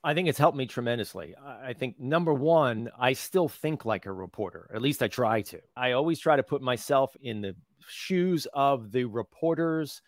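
A man's voice: mid-range voice, expressive, normal speed, no room sound. A man in his fifties from the United States, a guest in an interview, telling stories in a chatty way and laughing often. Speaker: guest, public relations professional. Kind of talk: conversational interview.

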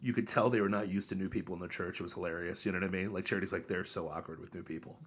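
A man in his thirties co-hosting a podcast, talking in a casual, mocking, animated way. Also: very fast, slightly rough. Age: 30s. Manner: animated, mocking, mimics others in high voices. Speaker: podcast co-host. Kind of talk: casual opinion chat.

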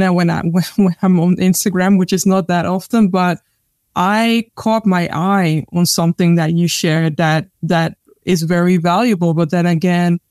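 A woman's voice: on the low side, darkish tone, dry recording, clean studio sound. A woman hosting a podcast, interviewing in a conversational and affirming way. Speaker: podcast host.

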